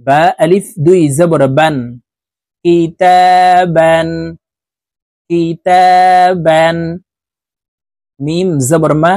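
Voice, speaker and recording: Male recitation teacher, slow and patient, syllable-by-syllable drills, dry close mic. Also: a little high, steady tone, darkish tone, dry recording. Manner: spells syllables then draws out whole words. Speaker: Quran reading teacher. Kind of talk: slow spelled-out recitation lesson.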